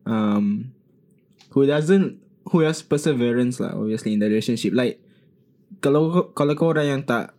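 A man's voice: medium pitch, moderate pace, warm tone. A man with a Singaporean accent chatting casually, phrasing his thoughts hesitantly and mixing in words from another language. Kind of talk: casual group chat.

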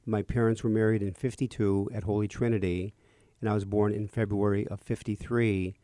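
Older male priest-host for a talk radio slot: dark, mellow tone, dry close sound, chatty and friendly. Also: on the low side, flat delivery, a little fast, no room sound. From Chicago area. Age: 60s. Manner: chatty, reminiscing.

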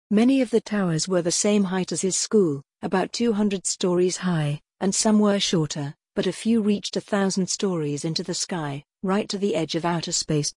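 A woman narrating a children's storybook in a steady, even reading voice, giving the characters quiet voices. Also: lowish voice, slightly rough, dry recording. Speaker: audiobook narrator.

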